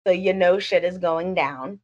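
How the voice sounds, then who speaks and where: A woman on a podcast, telling her reactions in an animated way and acting out what she thought. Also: fairly low pitch, a little slow. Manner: animated storyteller, quotes her own reactions. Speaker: podcast panelist. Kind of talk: casual podcast chat. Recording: dull lo-fi mic.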